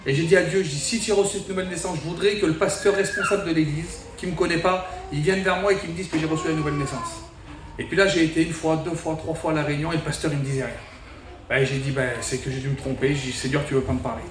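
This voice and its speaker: A man's voice: on the high side, fairly even intonation, fast, a little hiss or hum. A man giving his testimony in church, telling his story and quoting himself and others as he goes. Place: large tent meeting. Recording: echoey tent, mic from a distance.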